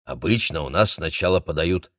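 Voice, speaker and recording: A man's voice: a bass voice, expressive, normal speed, a bit bright, no room sound, studio quality, full character voice. A man reading a storybook, voicing a wry, grumpy older uncle who lectures at length.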